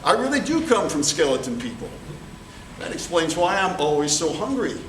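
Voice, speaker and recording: A man telling a tall tale as a contest storyteller, theatrical and deliberate, with dramatic pauses. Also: on the high side, big pitch swings. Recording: distant, echoey room with background noise.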